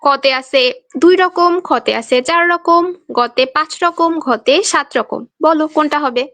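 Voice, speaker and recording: High-voiced Bangladeshi woman teacher quizzing students. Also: unhurried, fairly bright tone, dry recording. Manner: quizzing students, reading their answers aloud; teasing, playful. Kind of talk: online exam-prep class.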